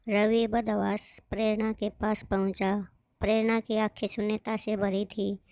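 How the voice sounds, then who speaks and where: A woman narrating a moral story in a steady, scripted reading. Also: mid-range voice, unhurried, vocal fry, no room sound.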